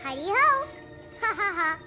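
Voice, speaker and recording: A talking doll toy, chirping very high in a sing-song horror-series voice. The delivery is lively and cutely taunting with a menacing edge, over prominent music. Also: a little slow, exaggerated voice. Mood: cheerful taunting. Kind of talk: acted clip from a horror TV series.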